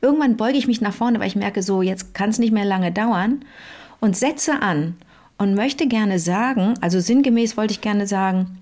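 A woman's voice: mid-range voice, moderate pace, a little mellow. A woman co-hosting a casual phone chat, telling a long story with many fillers and restarts. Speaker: podcast co-host.

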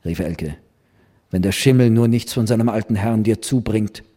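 A man's voice: on the low side, normal speed. A man reading a classic story aloud, acting out the dialogue with expression. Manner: expressive, voices the characters. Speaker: reader. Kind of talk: literary reading with acted dialogue.

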